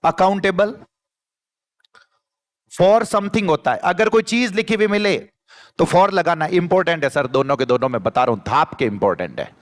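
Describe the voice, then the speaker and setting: A man with a Rajasthani accent teaching an exam-prep grammar lesson, reading example sentences slowly and repeating catchphrases. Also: a little high, animated.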